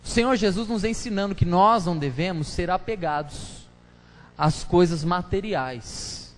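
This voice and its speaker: A man's voice: high-pitched, measured pace. A pastor preaching a casual, joking sermon full of slang, chatting with his congregation during a live church service. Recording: live church hall reverb, faint noise.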